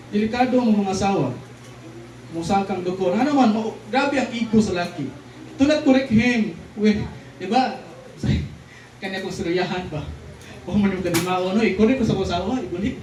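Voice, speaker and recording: High-voiced preacher in an echoey hall. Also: male voice. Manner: lively, keeps asking the crowd "di ba?" and "no?"; switches between Cebuano and English lines. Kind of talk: sermon. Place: church hall. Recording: echoey hall, distant mic, faint noise.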